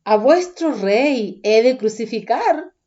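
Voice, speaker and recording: Woman reading a questioning male governor, measured, slow, mellow tone, dull recording. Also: a little high, lively intonation. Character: questioning Roman governor Pilate, grown man.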